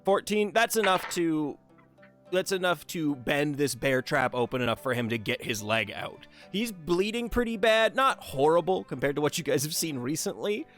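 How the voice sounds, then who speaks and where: A man narrating a tabletop game as game master, relaxed and rambling with many fillers. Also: on the high side, normal speed, faint music behind.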